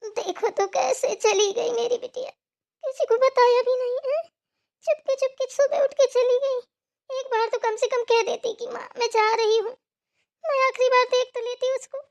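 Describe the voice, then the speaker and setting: A woman's voice: extremely high pitch, fairly even intonation, normal speed, gravelly, dull audio, voice pushed up. A woman voicing a weepy middle-aged mother who sobs and laments in a cartoon. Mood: tearful. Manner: wailing, sobbing lament. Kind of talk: cartoon voice acting.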